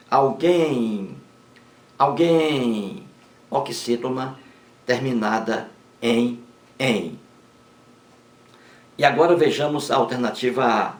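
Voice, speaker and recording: Slow, deliberate male grammar teacher. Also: medium pitch, roomy sound. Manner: slow and deliberate, repeats words syllable by syllable for emphasis. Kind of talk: slow explanatory lesson.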